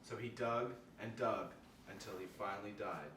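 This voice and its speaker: At an amateur script table read, a man plays a casual, slangy guy spinning a spooky cemetery tale to his friends in a storytelling mood. His fairly low, fairly bright voice comes at normal speed and sounds close to everyday speech. The mic is distant, giving a roomy, off-mic sound with faint noise.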